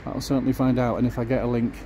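A man's voice: mid-range voice, level tone, rapid-fire. A man giving a casual walking-tour commentary outdoors, musing aloud with fillers. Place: outdoors on a city street. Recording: outdoor street noise behind.

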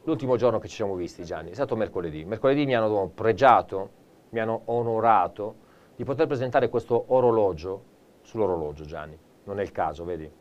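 A male presenter giving a live TV shopping pitch, theatrical and enthusiastic, turning often to an off-screen colleague. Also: fairly quick, dull audio. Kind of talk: live teleshopping sales pitch.

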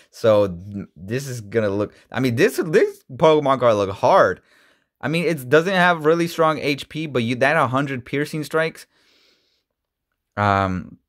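A man's voice: medium pitch, fairly bright tone. A man in his thirties rambles casually while opening card packs, filling gaps with ums and restarting sentences. When something surprises him his voice leaps up. He is recorded indoors on a webcam with a desk mic. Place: indoor room, seen on webcam.

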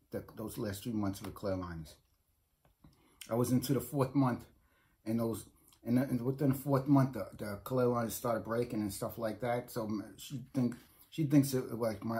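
In a small room at home, a middle-aged man with a New York accent talks into a close phone or webcam for a casual food review vlog, his voice mid-range and darkish. His delivery rambles, with repeated points and frequent sentence restarts.

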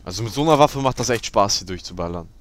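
A young man giving casual let's play commentary, sarcastic and crude, who yells when the game startles him. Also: on the low side, expressive, fast talker, noisy background.

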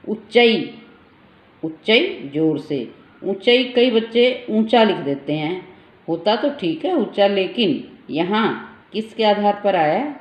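A woman teacher giving an online class, who slowly repeats each word to drill its pronunciation. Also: mid-range voice, animated, a little mellow. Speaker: Sanskrit teacher. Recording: dull echoey room recording.

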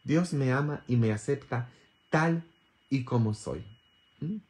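Slow, bantering priest. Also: male voice, mid-range voice. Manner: bantering, earthy humor, constant tag questions; sudden loud emphatic bursts. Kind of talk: informal sermon.

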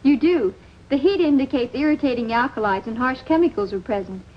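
A woman's voice: high voice, fairly quick. A woman playing an assured housewife giving an emphatic, instructive demonstration in a 1950s TV commercial. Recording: dull, noisy vintage TV soundtrack.

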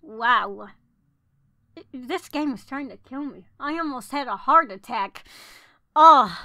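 A woman giving excited, pleading commentary while pulling cards in a mobile game. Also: a little high. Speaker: gacha scouting video creator.

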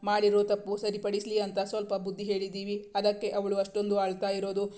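Woman voicing middle-aged father, caring, remorseful, measured, monotone storybook voice. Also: mid-range voice, close to an everyday voice. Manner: measured, heavy-hearted speech.

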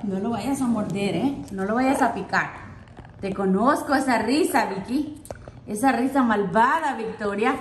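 A woman's voice: on the high side, measured pace. A woman vlogger chatting casually to viewers and cooing affectionately at her parrot and cat at home. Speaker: pet vlogger, parrot owner. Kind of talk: casual vlog chat with pets. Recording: echoey room with loud background noise.

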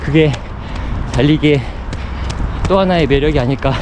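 A man's voice: on the high side, moderate pace. A man speaking in short phrases while running, in a reflective, casual vlog monologue. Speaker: running vlogger. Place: outdoors on city running paths. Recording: clear outdoor urban noise, passing traffic.

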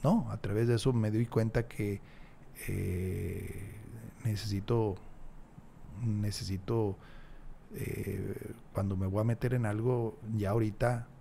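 A man's voice: on the low side, fairly even intonation, takes it slowly, creaky, warm tone, slight background noise. A man, a podcast guest talking reflectively and emphatically with frequent restarts, on a desk mic in a small studio. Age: 60s. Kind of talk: casual interview chat. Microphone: large desk mic, headphones.

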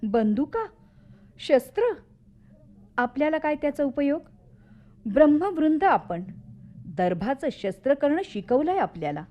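An actress playing a devoted young wife who also narrates the story, gentle and pleading, in a radio drama. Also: female voice, high-pitched, sing-song, unhurried, long pauses. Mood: fearful.

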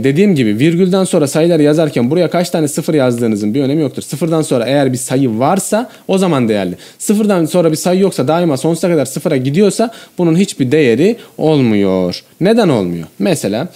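A man's voice: on the high side, sing-song, brisk, mellow. A man teaching a math lesson, explaining each step and often checking in with the viewer.

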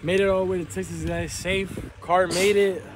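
A man's voice: high voice, little pitch movement, normal speed. A man on a road trip talking offhand and joking with a friend. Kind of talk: casual banter. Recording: noisy phone recording.

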